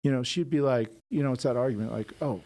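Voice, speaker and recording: Blunt gravelly-voiced man co-hosting. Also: mid-range voice, fast talker. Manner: blunt, self-deprecating, animated storytelling. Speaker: podcast co-host. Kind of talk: casual chat.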